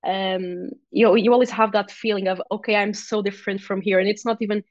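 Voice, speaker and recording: A young Portuguese woman with a Portuguese accent, a guest athlete, chats casually in an interview, talkative and quick to laugh, with many restarts and fillers. Her medium-pitched voice is darkish, fairly even in intonation, and a little fast. The recording is dry and dull.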